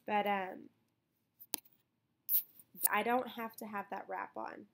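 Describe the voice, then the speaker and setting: Young woman chatting casually, slightly creaky voice. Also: medium pitch, steady tone, slow, a little hiss or hum. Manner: rambling, informal, with frequent "like" asides. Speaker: vlogger recovering from surgery. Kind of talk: casual chat vlog.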